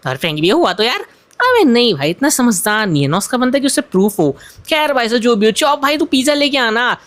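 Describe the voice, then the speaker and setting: A woman's voice: on the high side, very animated, fast. A woman voicing a cheeky, mischievous little cartoon boy who talks back in a game machinima. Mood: scheming. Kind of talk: fan-made game machinima voice acting.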